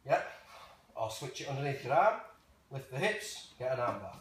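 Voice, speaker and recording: A man's voice: mid-range voice, sing-song, normal speed, a bit bright. A man coaching a jiu jitsu class, talking through a hands-on demonstration step by step in short, casual phrases. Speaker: martial arts coach. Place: large echoey indoor training room. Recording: very echoey, noisy room, far from mic.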